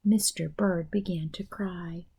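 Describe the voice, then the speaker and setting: Reading a children's storybook aloud for young listeners, this woman teacher is expressive and explanatory. Her fairly low voice is husky, with vocal fry, and she takes it slowly.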